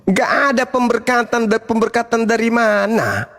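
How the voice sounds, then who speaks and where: A man's voice: very high-pitched, fairly even intonation, moderate pace, fairly bright tone. A man arguing hard in a live debate, combative and mocking, his voice rising when pressed.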